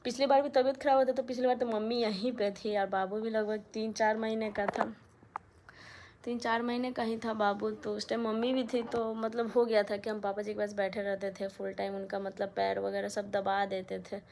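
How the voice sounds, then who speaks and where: A woman's voice: medium pitch, flat delivery, normal speed, background noise. A young woman in a casual vlog, talking straight to her viewers in a chatty, aggrieved way. She is filming on a phone in a small room at home with the fan turned off. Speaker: vlogger. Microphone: phone camera held close.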